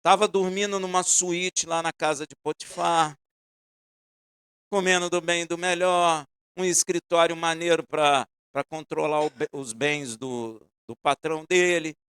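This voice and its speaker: A man preaching a sermon, asking the congregation pointed questions and swinging between loud emphasis and quiet asides. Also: a little high, fairly even intonation, unhurried, smooth, no echo, clean studio sound.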